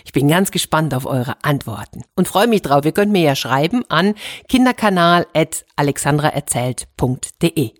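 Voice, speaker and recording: A woman hosting a children's storytelling show, addressing her young listeners directly and telling a short tale with lively expression. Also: low-pitched, normal speed, dry recording, studio quality.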